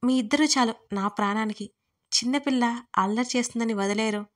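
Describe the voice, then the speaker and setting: A woman's voice: a little high, a little fast, lightly acted. A woman voicing a feisty, playful young woman who sulks and talks back with sarcasm, in a storybook reading. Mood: sulky. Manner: sulky, sarcastic.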